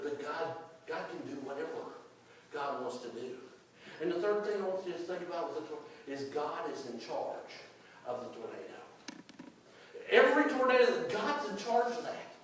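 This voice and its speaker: A man preaching a sermon as a pastor, folksy and repetitive, swinging between loud and soft. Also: on the high side, lively intonation, moderate pace, slight background noise. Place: church sanctuary. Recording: echoey church recorded from far off.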